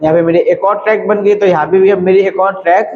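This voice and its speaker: A man's voice: high-pitched, steady tone, quick pace, muffled recording, a little hiss or hum. Chatty man teaching video editing. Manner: chatty, repeats "thik hai" and "bhai". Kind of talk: casual screen-recorded tutorial.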